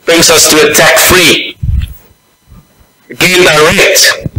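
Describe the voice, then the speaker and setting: Pastor, male, slow and deliberate delivery, bright ringing tone, echoey church room. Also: fairly high pitch, level tone. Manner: slow, deliberate preaching with scripture readings. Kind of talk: sermon.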